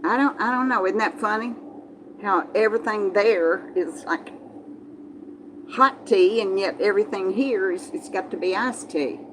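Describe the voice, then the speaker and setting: With a mid-range voice and measured pace, a Texas woman from the southern US hosts a livestream, meandering through casual, folksy conversation with viewers and often repeating herself. Her accent is Texas Southern American. The background is noisy.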